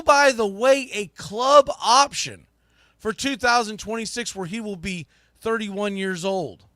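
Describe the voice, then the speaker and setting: This sports podcast host and play-by-play broadcaster has a high-pitched, fairly bright voice, recorded in a clean studio with no echo. He hosts live sports talk, delivering opinionated commentary that is emphatic, colloquial and conversational, just like a broadcaster.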